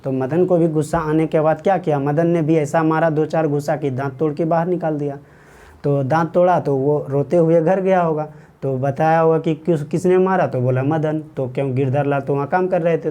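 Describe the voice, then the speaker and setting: Mellow-voiced Bihari teacher, quizzing himself. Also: male voice, a little high. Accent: Bihari Hindi. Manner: repetitive questioning, answers his own questions. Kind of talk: exam-prep lesson explaining a story.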